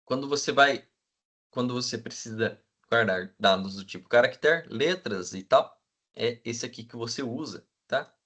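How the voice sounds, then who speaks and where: A man's voice: mid-range voice, sharp tone. Male teacher lecturing a class. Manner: asks the class for agreement constantly; fills with "né?" and hesitant "é".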